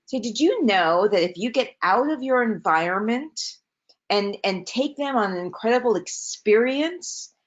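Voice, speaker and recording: A woman teaching a live webinar over a video call, chatty and quick to correct herself as she goes. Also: a little high. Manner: chatty, self-correcting, lively asides. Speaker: webinar trainer. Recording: slightly dull, lo-fi webinar audio.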